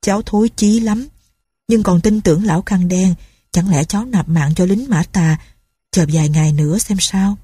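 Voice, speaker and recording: A woman's voice: mid-range voice, normal speed, mellow, slightly rough, no echo, studio quality, close to an everyday voice. A woman voicing an earnest, scheming teenage peasant boy who pleads and reassures. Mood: pleading.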